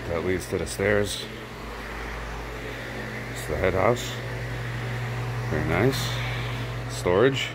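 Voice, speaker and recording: This male vlogger's voice is low, slow and gravelly, broken by long pauses as he strolls. Filmed on a handheld camera amid noisy surroundings, he casually narrates his way across campus grounds and through a building up to its rooftop greenhouse.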